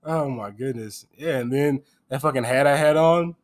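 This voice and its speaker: A man co-hosting a podcast, telling travel stories in a casual, profane, animated way and laughing often. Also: mid-range voice, moderate pace. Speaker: podcast co-host. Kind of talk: casual chat.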